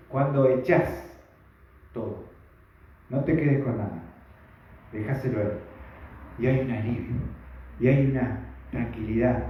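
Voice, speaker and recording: A man preaching a sermon with a Rioplatense Spanish accent, folksy and conversational, full of rhetorical questions. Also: a little high. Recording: very echoey, dull sound.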